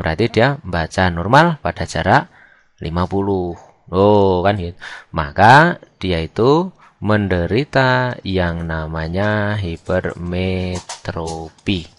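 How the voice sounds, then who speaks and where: Low-voiced chatty tutor. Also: male voice, lively intonation, slow pace, pauses often, no echo. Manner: chatty, asks and answers his own questions, lots of "nah" and "kan gitu". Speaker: physics tutor. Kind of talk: casual whiteboard lesson.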